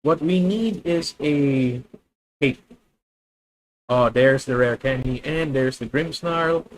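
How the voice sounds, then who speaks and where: Speaking slowly at a medium pitch, this man from the Philippines has a Filipino accent and talks through his card game moves live on stream while chatting to viewers. There's a faint hiss or hum, and the recording quality is rough.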